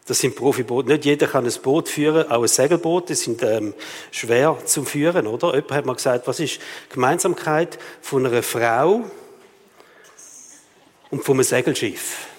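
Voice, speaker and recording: A man preaching a sermon with a Swiss German accent, lively and rhetorical, often asking the audience questions. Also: mid-range voice, moderate pace. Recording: long reverb of a hall.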